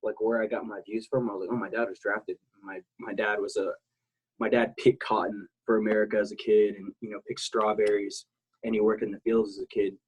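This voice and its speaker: Husky south texas guy rambling candidly on a podcast, curses a lot. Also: on the low side, level tone, fairly quick, darkish tone, poor audio. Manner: rambling, candid, swears freely. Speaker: guest, military veteran. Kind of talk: casual podcast conversation.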